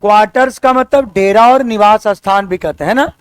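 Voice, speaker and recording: A man teaching an English lesson, going slowly and repeating key words as he quizzes his students. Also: high-pitched, clean tone, no echo. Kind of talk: exam-prep language lesson.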